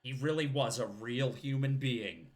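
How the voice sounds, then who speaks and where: A man's voice: mid-range voice, a little slow, natural voice. A man with a scratchy throat voicing a brooding young male hitman's reflective monologue from a game.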